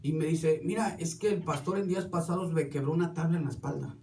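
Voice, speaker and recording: A man's voice: on the high side, fairly even intonation, fast, warm tone. A man preaching a sermon as pastor, telling stories with quoted dialogue. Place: church hall. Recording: echoey hall, distant mic.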